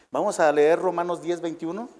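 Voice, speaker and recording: A man's voice: fairly high pitch, darkish tone, in a large hall. A man preaching a sermon, reading scripture aloud and explaining it, often checking in with "¿verdad?" and using "este" as a filler. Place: church hall.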